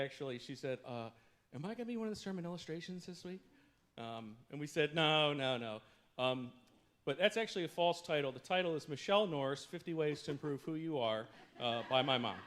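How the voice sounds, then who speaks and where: A man speaking as a guest from a church stage to a congregation. His delivery is loose and conversational, full of fillers and playful asides. His voice sits at an ordinary middle pitch. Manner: jokey, self-deprecating, many fillers. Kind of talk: casual joking sermon talk.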